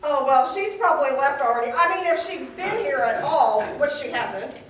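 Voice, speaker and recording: A woman's voice: sits high, lively intonation, normal speed, crowd noise. A woman acting a flustered, evasive diner waitress with a nervous, blurting manner in an amateur stage comedy. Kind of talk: amateur comic stage play. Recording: distant echoey hall, noisy, clicks.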